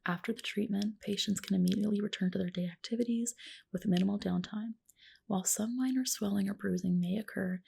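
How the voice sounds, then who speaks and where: Close to the microphone, a woman whispers softly and breathily at a medium pitch as an ASMR creator roleplaying a medical spa practitioner. Her personal-attention session is gentle and reassuring, focused on caring for the client.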